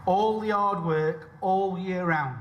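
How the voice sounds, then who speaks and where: A man's voice: high voice, slow pace, muffled recording. A man giving a formal ceremonial speech with emphatic phrasing in an echoey room. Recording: echoey room, faint noise.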